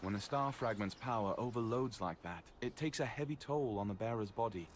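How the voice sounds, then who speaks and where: A man voicing a grave, rock-bodied male guardian in a game, his voice sounding metallic and robotic as he gives earnest, measured advice. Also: on the low side, expressive, a little hiss or hum. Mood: solemn concern. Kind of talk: game character dialogue.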